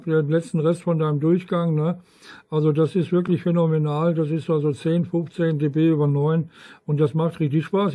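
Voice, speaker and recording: A man with a rather high, dark-toned voice chats casually over amateur radio. He rambles along, often tacking tag questions onto the ends of his sentences.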